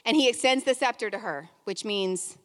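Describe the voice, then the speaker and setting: A woman preacher retelling a Bible story in a sermon, lively, with chatty asides. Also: fairly high pitch, moderate pace. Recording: long hall reverb.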